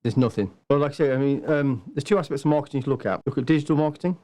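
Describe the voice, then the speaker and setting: A man from Nottingham, England, appears as a podcast guest; he's a martial arts instructor. His medium-pitched voice is mellow but rapid-fire as he answers casually, explaining things in a matter-of-fact way.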